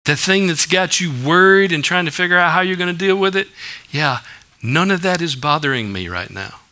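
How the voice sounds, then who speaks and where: A man voicing Jesus as a gentle, reassuring figure who speaks softly and calmly to a frightened believer. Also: high-pitched, a little fast, smooth. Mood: calm reassurance.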